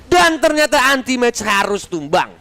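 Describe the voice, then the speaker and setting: A man with an Indonesian accent calling a match as an excited fighting game announcer, hyped, with shouted, drawn-out calls. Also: very high voice. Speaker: esports play-by-play caster.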